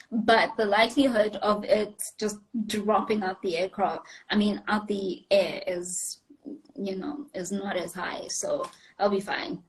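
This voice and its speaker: A woman's voice: medium pitch, a little hiss or hum, rough recording. A young woman, a pilot, answering interview questions over a video call in a chatty, step-by-step way. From South Africa. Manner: chatty, apologetic, laughs easily, explains step by step.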